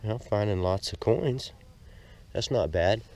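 Older man narrating a slow beach hunt. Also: fairly low pitch. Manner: easygoing, excited exclamations at finds. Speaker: metal detecting vlogger. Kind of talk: casual narration while detecting. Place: outdoors on a lakeside sand beach. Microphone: action camera worn on the body.

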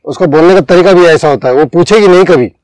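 Animated high-voiced Indian man. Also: quick pace, no room sound, rough recording. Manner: animated, acts out quoted speech. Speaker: homeopathy teacher. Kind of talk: casual discussion.

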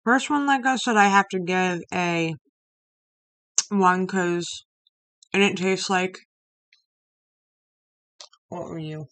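A woman in her thirties chats casually to camera while eating sour candy, talking in short, halting bits with mumbled asides. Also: on the low side, a bit bright, no room sound. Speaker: vlogger reviewing candy. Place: small room indoors. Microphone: webcam or laptop mic at arm's length. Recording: noisy webcam audio with clicks.

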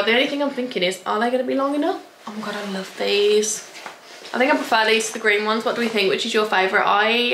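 A woman's voice: fairly high pitch, sharp tone. A young woman chatting through a clothing try-on haul vlog, bubbly and gushing with casual slang. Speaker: fashion vlogger. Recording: echoey room, faint hiss.

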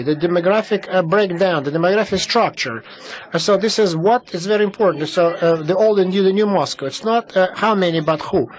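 Male simultaneous interpreter, fairly high pitch, halting delivery full of fillers. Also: poor audio. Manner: halting, many fillers and restarts. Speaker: conference interpreter.

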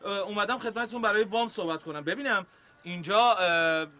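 A man's voice: high-pitched, sharp tone. A man in his thirties playing a harried, polite married city man in a sitcom, pleading and growing exasperated. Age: 30s. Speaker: city outsider seeking a loan. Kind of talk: sitcom acting.

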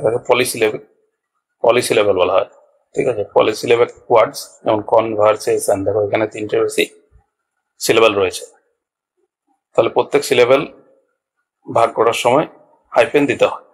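Man, grammar teacher, patient explaining, husky tone, clip-on mic. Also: mid-range voice, a little fast, pauses often, rough recording. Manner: patient, repeats points with checks like "all right". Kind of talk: explaining lesson to students. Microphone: small clip-on mic.

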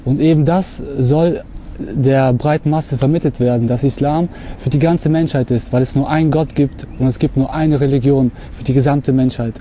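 A man's voice: medium pitch, steady tone, normal speed, a little hiss or hum. A young man from Russia giving an earnest, hesitant spoken testimony to camera outdoors on a lawn, with many filler sounds, recorded on the camera mic. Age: young adult. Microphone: camera mic at close distance. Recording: slightly dull lo-fi outdoor camera audio.

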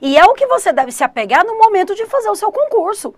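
A middle-aged Brazilian woman teaching an online English exam-prep lesson, lively and speaking straight to her students. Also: very high-pitched, fast, dry recording. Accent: Brazilian Portuguese. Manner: lively, addresses students directly, refers to herself as teacher.

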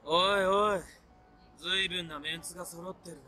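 Young game hacker dude, higher sharp voice, cocky and rough-talking. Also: male voice, steady tone, moderate pace, soft background music. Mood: casual, wry. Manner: rough, informal, cocky speech. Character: brash, casual young male hacker. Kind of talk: video game voice acting.

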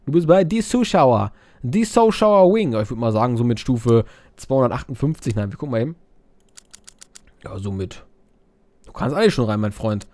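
A man's voice: fairly high pitch, darkish tone, no echo. A young man doing casual game commentary, reading viewer messages aloud in silly voices and swearing while joking around. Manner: crude, joking, swears a lot. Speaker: let's player.

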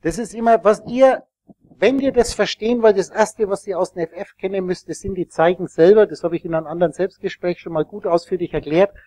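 A man's voice: high voice, fairly quick, mellow, dry recording. A man giving a rambling, explanatory live talk to an audience, often asking them questions as he teaches. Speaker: lecturer.

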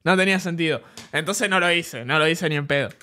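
A young man with an Argentine accent chatting excitedly on stream, telling stories and swearing freely while reacting to a video. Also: a little high, fast. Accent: Argentine Spanish. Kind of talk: casual stream chat.

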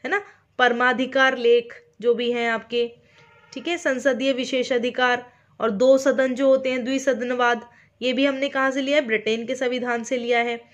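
A woman with an Indian accent and a high voice gives an online exam-prep lecture. She talks slowly and deliberately, keeps checking that her students follow, and drops English terms into her explanations. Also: steady tone, muffled recording. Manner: speaks slowly on purpose, checking in with listeners often. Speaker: teacher.

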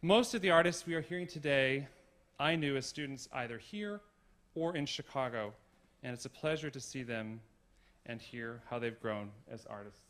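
In a concert hall, a middle-aged university provost gives a formal tribute speech. His medium-pitched delivery is measured, with touches of gentle humor.

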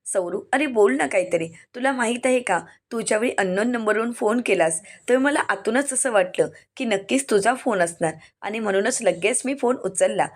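A woman's voice: fairly high pitch, moderate pace, few pauses, natural voice. A woman reading the part of a scheming young woman who sweet-talks her lover on the phone, in a coaxing, pleading manner.

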